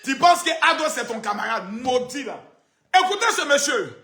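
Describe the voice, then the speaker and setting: A man ranting and mocking someone on a live stream, with sing-song taunts and loud shouted calls. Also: extremely high pitch, sing-song, normal speed, gravelly.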